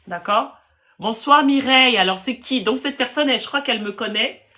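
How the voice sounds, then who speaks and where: A woman's voice: on the high side, moderate pace, bright, forceful tone. A woman with a Parisian French accent, hosting a live stream to sell land and answering viewer comments in a direct, firm way. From France.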